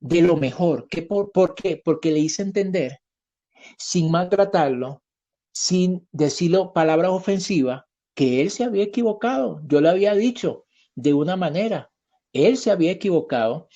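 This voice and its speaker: A Colombian pastor preaches an earnest sermon, weaving in a personal story, his voice high, expressive and mellow at a normal pace. He speaks with a Colombian Spanish accent, and the recording sounds muffled and lo-fi.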